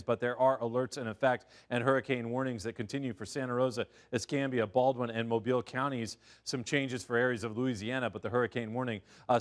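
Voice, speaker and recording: An American man works as a television weather forecaster on a live broadcast. His voice sits at a medium pitch. He explains conditions in a measured, informative presenter's delivery.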